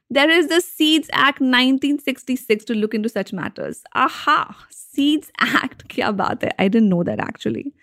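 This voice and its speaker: A woman's voice: mid-range voice, no room sound, studio quality. A woman with an Indian accent hosting a podcast, narrating scripted explanations in a conversational way with wry asides and rhetorical questions. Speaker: podcast host.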